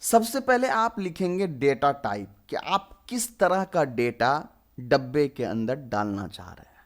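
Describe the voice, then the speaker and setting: A young man in his twenties teaching programming, explaining step by step and answering his own questions. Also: medium pitch. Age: 20s. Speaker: programming tutor. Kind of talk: screen-recorded coding lesson.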